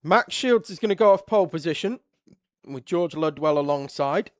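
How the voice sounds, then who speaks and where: A man commentating live on a kart race, reading out the starting grid in a relaxed, steady list. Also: a little high, normal speed, no echo.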